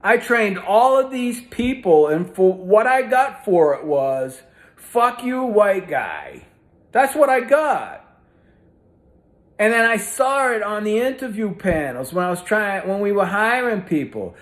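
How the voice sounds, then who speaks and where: A man's voice: high-pitched, animated, measured pace. Profane, combative man ranting. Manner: profane, combative, rambling with frequent "right?". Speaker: vlogger. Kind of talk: ranting monologue to camera.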